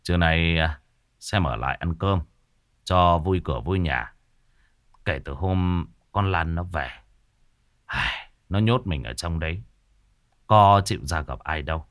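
A man voicing a worried, heavy-hearted father in a ghost story, speaking slowly and anxiously. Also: deep voice, fairly bright tone, no echo, clean studio sound, pitched below the performer's own voice.

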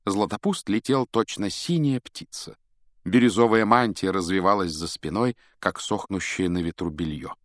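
A male audiobook narrator with a lowish voice. He tells the story in a measured, expressive way. The recording is dry and close to the mic. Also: no echo. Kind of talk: scripted narration.

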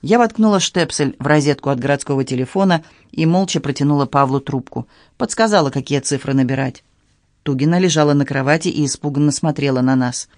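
A man reading an audiobook in measured, even narration. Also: fairly high pitch, dry recording, clean studio sound. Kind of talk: scripted narration.

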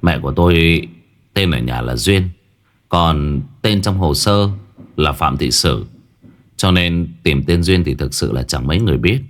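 A man's voice: a bass voice, expressive, measured pace, voice pushed down. A man voicing an earnest young man who recounts his mother's story respectfully.

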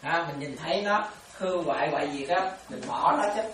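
A woman's voice: sits low, normal speed, a bit bright, slight background noise. A woman giving a Buddhist dharma talk, repeating phrases and often asking whether her listeners follow. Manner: repetitive, keeps checking whether listeners follow. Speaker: Buddhist teacher. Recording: echoey room, distant mic, faint ambience.

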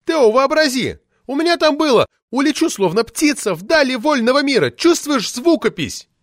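A shrill, indignant grand dame of letters, as a male audiobook narrator puts her on, her voice leaping very high and swinging wildly. She shrieks and rages, throwing her weight around. The voice is dry and close. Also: sing-song, normal speed, dry recording. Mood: shrill outrage. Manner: shrieking, indignant, name-dropping. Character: shrill pompous elderly woman poet, imperious and furious.

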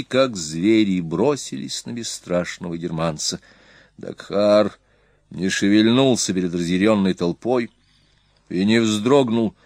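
A man reading an adventure story aloud in measured, expressive narration. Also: fairly low pitch, dry recording, clean studio sound. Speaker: audiobook reader. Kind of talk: scripted narration.

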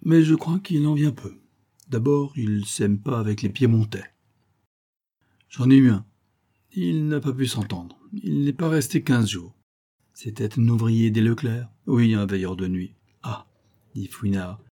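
A man's voice: mid-range voice, unhurried, warm tone. A man reading aloud as a talkative Paris wine-shop keeper in a storybook. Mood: gossipy. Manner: gossipy, talkative. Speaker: audiobook reader.

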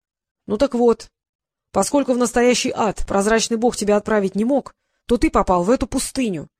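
A woman's voice: a little high, normal speed, darkish tone, no echo, clean studio sound, natural voice. A woman voicing a grumpy, talkative male creator who lectures and grumbles, in an audiobook reading. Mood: grumbling. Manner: irritable, lecturing, sighing.

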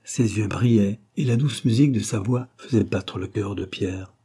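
A man reading a classic French novel aloud in an even, unhurried narration. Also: fairly low pitch, breathy edge. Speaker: audiobook reader. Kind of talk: scripted literary narration.

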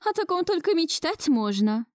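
Raising her pitch above her natural voice, a woman performs a stubborn, pushy old grandmother in an audiobook, sounding reproachful and loud. Her high voice is sing-song at a moderate pace, captured in clean studio sound with no echo.

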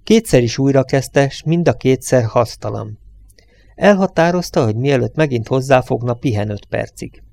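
A man reading an audiobook in a calm, measured narrating voice. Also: mid-range voice, creaky.

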